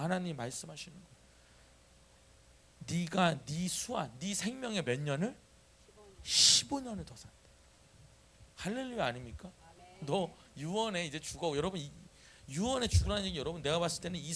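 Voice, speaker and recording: A man's voice: fairly high pitch, a little fast, long pauses, slight background noise. A man preaching a sermon as pastor, calling on the congregation to answer and repeat after him. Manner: animated, calls for congregation responses. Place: church sanctuary.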